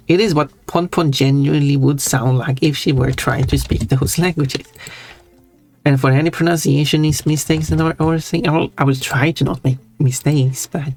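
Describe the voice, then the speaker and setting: Chatting casually on a live stream, a Swedish-accented streamer rambles and halts, giggling often. The voice sits in the mid range.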